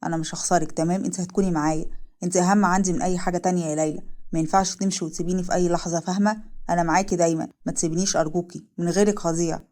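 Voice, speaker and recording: A man's voice: high-pitched, little pitch movement, rapid-fire, a little mellow. A woman voicing a young husband who is terrified for his sick wife, pleading tearfully in Egyptian Arabic.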